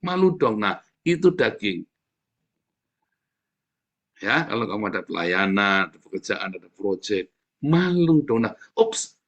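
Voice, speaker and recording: A man's voice: on the low side, measured pace, long pauses, lo-fi sound. A man preaching an informal sermon, joking and laughing as he addresses the congregation. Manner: animated, jokey, frequent laughing asides, addresses congregation as saudara.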